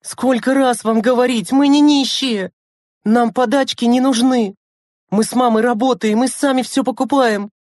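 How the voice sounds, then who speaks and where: A woman's voice: fairly low pitch, expressive, a little fast, darkish tone, slightly rough, dry recording, studio quality, voice pushed up. A woman reading a storybook and voicing a stern, weary teenage older sister who scolds her siblings. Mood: scolding. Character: harried older sister, teen girl, stern and tired.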